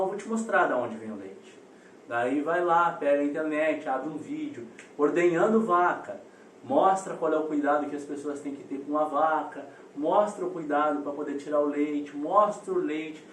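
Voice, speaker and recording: A man, in his thirties, coaches parents over a live video call, his voice high for a man. He talks straight to his listeners in an animated storytelling manner. The sound is roomy and echoing, with a faint hiss behind it. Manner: animated storyteller addressing the audience directly. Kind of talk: live online parenting talk. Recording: roomy echo, distant mic, faint noise.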